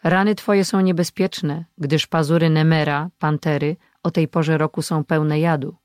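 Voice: medium pitch, fairly even intonation, unhurried, no room sound, studio quality, close to an everyday voice. A reader doing a commanding old sorcerer-healer. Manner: commanding, authoritative.

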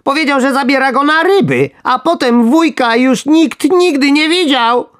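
A man voicing a small, nervous male worm in a storybook, with a squeaky, frantic voice. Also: very animated, normal speed, a bit bright, exaggerated voice. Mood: urgent. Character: shrill panicky little male worm, nervous alarmist.

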